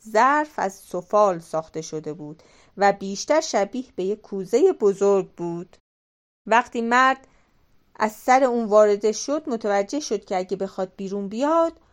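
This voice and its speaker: Woman narrating a folk tale audiobook. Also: mid-range voice. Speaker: audiobook reader. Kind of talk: storytelling narration.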